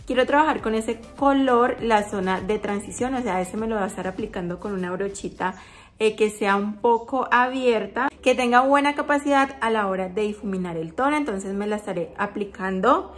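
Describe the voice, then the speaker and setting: A woman's voice: mid-range voice, moderate pace. Chatty woman giving a makeup tutorial. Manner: chatty, explains each step, many fillers. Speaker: makeup vlogger.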